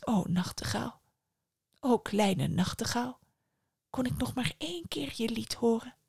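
A woman's voice: a little high, animated, unhurried, a little mellow. A needy, sentimental emperor, as a woman narrating a fairy tale acts him out, pleading in a voice raised above her usual narration. The sound is close and dry, with no echo. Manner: pleading and emotional. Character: doting, needy old emperor.

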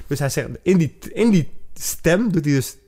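A man's voice: fairly high pitch, animated, moderate pace, warm tone. A man hosting a casual podcast in speech, telling stories in a rambling way, restarting sentences and acting out quotes. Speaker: podcast host.

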